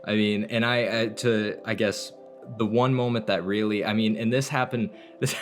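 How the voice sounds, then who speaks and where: A man's voice: on the low side, fairly even intonation, moderate pace, soft background music. A man talking casually about films, rambling and swearing as he goes. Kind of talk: casual film discussion.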